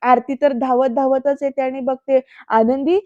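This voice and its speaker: A woman recaps a TV serial in a casual, chatty voice-over and talks straight to her viewers. Her voice is a little high and stays quite flat. The recording is dull, dry and lo-fi, close to the mic. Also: fairly quick, dry recording. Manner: chatty, addresses the viewers directly, acts out quoted lines. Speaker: serial episode reviewer.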